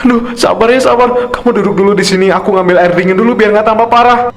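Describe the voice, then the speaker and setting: A man's voice: sits high, fast, soft background music. A man voicing a patient, reassuring young husband and father in a cartoon. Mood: worried, soothing. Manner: calm, reassuring.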